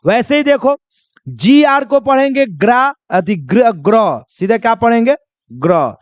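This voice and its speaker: A man's voice: extremely high pitch, very animated, measured pace, no room sound, lo-fi sound. A man teaching a spoken English lesson to students he calls children. He asks each question and then answers it himself. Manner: repeats questions and answers them himself, coaxing.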